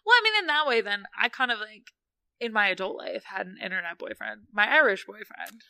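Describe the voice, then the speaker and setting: A woman co-hosting a podcast, chatting casually with quick laughs and teasing reactions. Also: mid-range voice, expressive, vocal fry, bright, forceful tone, no room sound. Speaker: podcast co-host. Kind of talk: casual chat.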